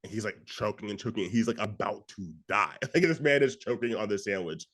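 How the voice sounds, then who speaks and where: A man's voice: lowish voice, fairly quick. A young man co-hosting a podcast, retelling a film scene in a rambling casual way, leaning on "like" constantly. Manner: rambling, heavy use of "like", animated retelling. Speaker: podcast co-host.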